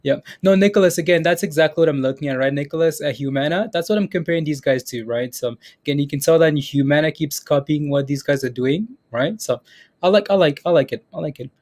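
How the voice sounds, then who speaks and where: A man with a fairly high, quick and slightly mellow voice hosts a live stock trading stream. He chats casually about price levels, reads viewer names aloud, repeats phrases and laughs often.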